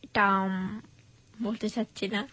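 A nineteen-year-old woman tells her story as a guest on an interview show. She speaks softly and hesitantly, at an average pitch for a woman. The sound is dry and close. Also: little pitch movement, takes it slowly, husky, no room sound. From Bangladesh.

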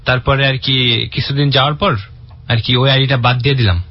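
A man's voice: medium pitch, level tone, brisk, no echo, muffled recording. A young man from in Bangladesh, casually telling a long personal story with many fillers and restarts. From Barishal, Bangladesh. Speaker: guest telling his story.

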